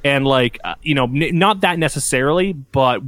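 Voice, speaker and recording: A man's voice: medium pitch, moderate pace, a bit bright, no echo. A young man brainstorming a film idea in casual chat, eager and rambling with many fillers.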